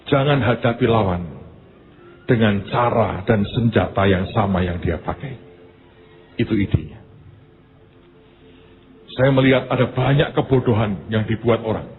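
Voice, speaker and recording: A male pastor preaching with a Javanese-inflected Indonesian accent, telling stories in an animated way that swings between high exclaiming and low murmured asides. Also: a little slow, long pauses. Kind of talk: sermon. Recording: tinny phone-like sound with faint noise.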